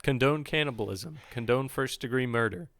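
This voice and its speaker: A young man co-hosting a casual podcast, tossing out deadpan, ironic quips. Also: mid-range voice, normal speed, dry recording, clean studio sound. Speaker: podcast co-host. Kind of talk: casual chat.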